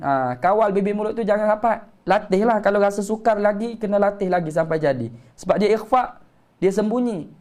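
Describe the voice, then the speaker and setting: A man with a Malaysian Malay accent gives a live-streamed tajwid lesson, correcting patiently and slowly modelling the recitation. His voice is high-pitched and darkish.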